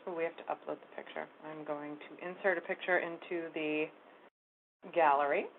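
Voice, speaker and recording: A woman giving a casual step-by-step software tutorial, talking through each click as she goes. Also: low voice, fairly even intonation, normal speed, a little hiss or hum. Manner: casual step-by-step explaining, talks while clicking. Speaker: real estate tech trainer. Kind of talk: screen-share software tutorial. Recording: phone-like narrow band audio.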